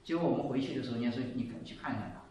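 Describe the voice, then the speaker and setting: A man in his seventies giving a sermon and telling a story, moving between loud exclaiming and quiet asides. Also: medium pitch, rapid-fire, distant mic. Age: 70s. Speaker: preacher. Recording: echoey room, voice from off the mic.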